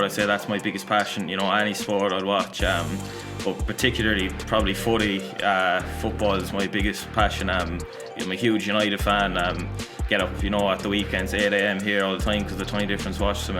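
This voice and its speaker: A young man with a west of Ireland accent talks in a somewhat low voice. He gives casual interview answers, peppered with "you know". Music plays clearly behind him. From Galway, west of Ireland. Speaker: esports player, interviewee.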